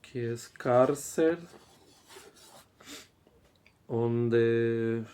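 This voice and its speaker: A male Spanish teacher giving a slow classroom explanation, repeating each word and checking in with his students. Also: medium pitch, warm tone, clear, resonant tone.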